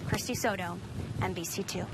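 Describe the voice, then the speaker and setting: Woman TV reporter over loud background noise. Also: mid-range voice, fairly even intonation, a little fast. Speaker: TV news reporter. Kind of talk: live field news report. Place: outdoors in storm-damaged town. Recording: loud wind and engine noise, outdoors.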